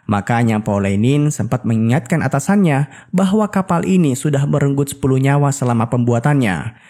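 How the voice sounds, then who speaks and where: A male film recap narrator with a mid-pitched voice. He tells the story in scripted narration, dropping in casual asides. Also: expressive, normal speed, dark tone.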